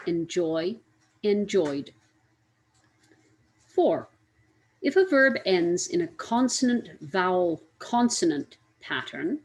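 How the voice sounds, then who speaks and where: A woman with a fairly low voice explains grammar rules in a slow, deliberate way. She spells out letters one by one and repeats each example word so learners can follow. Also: a little mellow, poor audio. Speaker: English teacher. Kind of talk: grammar lesson.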